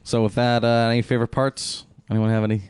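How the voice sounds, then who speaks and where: A man's voice: mid-range voice, monotone, fast, darkish tone, clear, resonant tone, dry recording. A man hosting a podcast, easygoing, steering a casual film chat by asking the others questions. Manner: easygoing, asks the group questions. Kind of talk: casual movie discussion.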